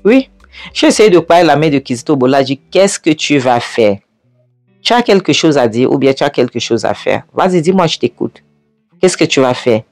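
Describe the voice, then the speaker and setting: A woman's voice: a bass voice, lively intonation, normal speed, darkish tone, dry recording, soft background music, full character voice. A woman voicing a defiant young man who coldly taunts his rival in a film recap. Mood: taunting.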